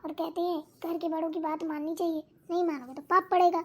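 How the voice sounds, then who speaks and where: A woman's voice: extremely high pitch, flat delivery, fast talker. A woman doing a chatty young daughter-in-law. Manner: chatty, addresses viewers directly. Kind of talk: cartoon voice acting.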